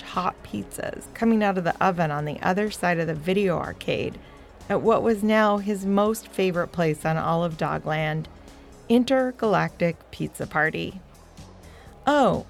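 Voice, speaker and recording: Singsong kids' storyteller woman with creaky edge. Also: medium pitch. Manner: playful, talks directly to young listeners. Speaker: host and storyteller of a children's podcast. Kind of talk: children's story narration with chatty asides.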